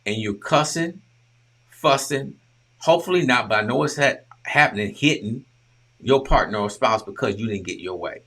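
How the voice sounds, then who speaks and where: A man's voice: mid-range voice, expressive, normal speed, a bit bright. A man, a relationship coach talking straight to his audience in an emphatic, preachy way, firing off repeated rhetorical questions. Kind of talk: direct-to-camera talk.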